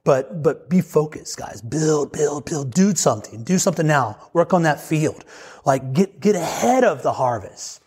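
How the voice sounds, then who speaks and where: A man delivers a sermon to young men. His voice sits a little high for a man. He preaches in a casual, joking way, chatting with the crowd as if over coffee. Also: animated, normal speed, a little mellow, slightly rough. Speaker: pastor.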